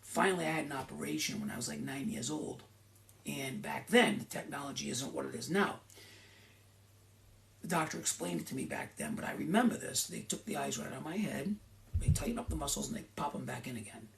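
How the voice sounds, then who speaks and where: A middle-aged man from Rhode Island hosts a live Q and A, chatting casually with his viewers and rambling from story to story before circling back with asides. His voice is fairly high for a man, brisk and fairly bright, with a gravelly, creaky edge throughout.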